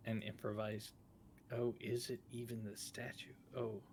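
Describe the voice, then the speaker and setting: A man's voice: on the low side, level tone, a little slow, darkish tone. A man chatting casually as a player in a tabletop role-playing game. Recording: clearly noisy background with clicking.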